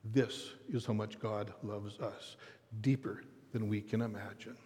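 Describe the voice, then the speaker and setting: A man preaching a sermon as a dramatic story, often dropping to a hushed voice for effect. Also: lowish voice, fairly even intonation, unhurried. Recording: reverberant hall.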